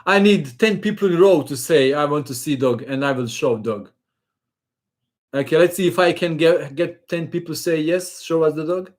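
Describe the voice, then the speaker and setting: Male chess host, casual live-stream Q&A, chatty and playful, slightly higher voice. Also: moderate pace. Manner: chatty, jokey, reads viewer questions aloud.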